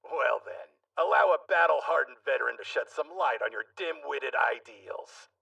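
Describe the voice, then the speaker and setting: A battle-hardened cartoon soldier who mocks his young foes, his gravelly, bright voice swinging wide in pitch. He sounds distant in the mix, with music underneath. His manner is menacing and scornful. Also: expressive, moderate pace, lo-fi sound, heavily acted. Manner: sneering, menacing taunts. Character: ruthless battle-hardened male veteran soldier, sneering. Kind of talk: anime English dub acting.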